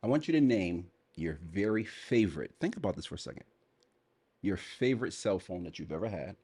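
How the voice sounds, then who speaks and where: Man, middle-aged, low voice, lively intonation, playful, laughs often, casual co-host. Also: brisk, husky. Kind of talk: casual chat.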